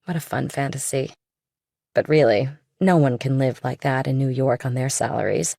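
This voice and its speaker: This is audiobook character dialogue: a woman plays a rich older man's young girlfriend, worldly and guarded, with pointed remarks. Her very deep, gravelly, warm voice runs at normal speed in an exaggerated style, recorded in studio quality with no room sound. The mood is breezy, the speech casual and direct.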